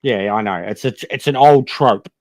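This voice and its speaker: A man's voice: lowish voice, normal speed, a little mellow, no echo. A man talking casually and emphatically as a wrestling fan co-host, opinionated, repeating his points and swearing freely. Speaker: wrestling talk show co-host. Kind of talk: casual sports fan debate.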